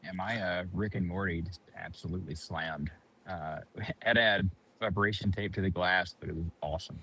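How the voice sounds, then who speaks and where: A man with a very deep, creaky voice chats casually. His tone is husky, with a bright edge. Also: steady tone, normal speed, rough recording. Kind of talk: casual chat.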